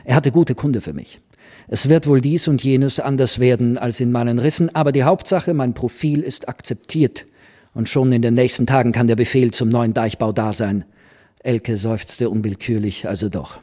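A man reading a classic story aloud, acting out the dialogue with expression. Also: medium pitch. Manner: expressive, voices the characters. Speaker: reader. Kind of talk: literary reading with acted dialogue.

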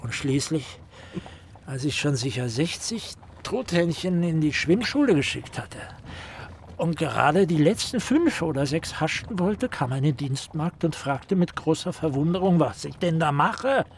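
A man's voice: fairly high pitch, animated, measured pace, slight background noise. An actor playing a pompous writer who tells stories of his boyhood in an ornate, theatrical way. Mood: storytelling. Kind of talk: radio play acting.

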